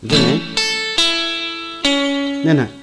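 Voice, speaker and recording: A man giving a casual guitar lesson, explaining slowly and repeating note names as he plays. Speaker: guitar teacher. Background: guitar played along.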